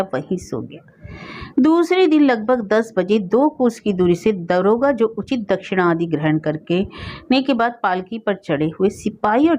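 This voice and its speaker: A woman reading a story aloud as a storyteller, in a steady, expressive scripted narration. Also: fairly low pitch. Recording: dull lo-fi recording.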